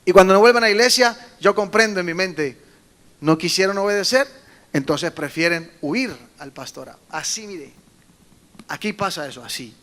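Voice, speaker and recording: High bright-voiced pastor preaching. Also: male voice, moderate pace. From Colombia. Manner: animated storytelling, acts out quoted voices, emphatic bursts. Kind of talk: sermon to a youth meeting.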